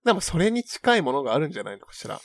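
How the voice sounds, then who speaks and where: A man's voice: on the high side, big pitch swings, rapid-fire, gravelly, dry recording, exaggerated voice. A man playing a polite, haughty rich schoolgirl, hosting radio comedy and reading listener mail with genteel, affected speech. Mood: musing. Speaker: comedy radio show host.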